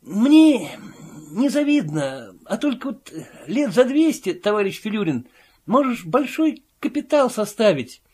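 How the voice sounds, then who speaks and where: Audiobook figure: man playing a high-voiced, covetous courier, animated. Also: unhurried, slightly rough, heavily acted. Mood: envious. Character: envious scheming male office courier.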